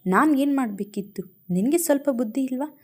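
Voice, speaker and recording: A woman voicing an angry, domineering young male boss who shouts harsh scolding lines in a story reading. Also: high voice, animated, normal speed, voice pushed up. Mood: angry shouting.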